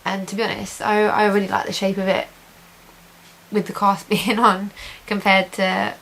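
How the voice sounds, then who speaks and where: A woman's voice: medium pitch, little pitch movement, moderate pace, creaky, a bit bright, low-quality recording. A woman giving a casual video diary update, chatty and positive in an informal, conversational way. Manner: chatty, repeats intensifiers, positive and reassured. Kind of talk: casual chat to camera. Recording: hissy home recording.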